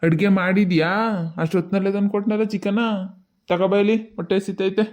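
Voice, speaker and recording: A man voicing a gruff middle-aged father in a cartoon, blunt and grumbling. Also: sits high, steady tone, a little fast, a little mellow, natural voice.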